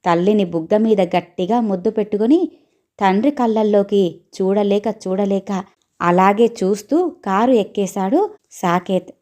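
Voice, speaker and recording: A woman storyteller reading an audio story aloud in a steady, expressive way. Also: medium pitch, unhurried.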